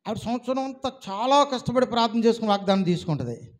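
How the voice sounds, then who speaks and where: A man preaching as a pastor, telling stories with lively acted-out dialogue, often calling out to his congregation. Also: very high voice, fast. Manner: animated storytelling, acts out a villager woman's words, calls out to the congregation. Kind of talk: sermon.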